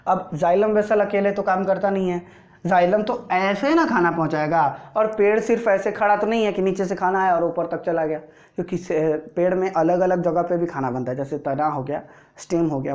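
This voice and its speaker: A male teacher with an Indian accent, giving a slow board lesson to school students and checking often that they follow. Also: on the high side, darkish tone. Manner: explains slowly, drawing as he speaks, keeps checking understanding.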